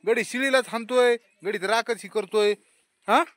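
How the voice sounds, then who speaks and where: A man's voice: very high-pitched, fairly even intonation, normal speed, a bit bright, dry recording, clean studio sound. A man, vlogging casually while scolding and coaxing a small child at home. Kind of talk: casual family vlog chatter.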